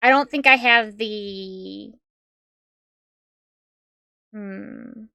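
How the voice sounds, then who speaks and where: A woman with a mid-range voice speaks extremely slowly, with vocal fry and a sharp, clear, resonant tone on a dry recording. She's a streamer chatting casually with viewers in a tiny, cute-sounding voice, giggling often and rambling with fillers and self-corrections.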